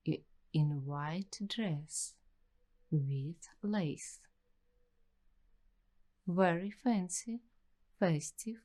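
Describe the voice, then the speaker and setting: A woman plays an uneasy young waitress in a slow ASMR roleplay, her voice low and mellow. She speaks extremely slowly in hushed, broken fragments separated by long pauses, sounding suspicious and musing, as though confiding her suspicions to the listener.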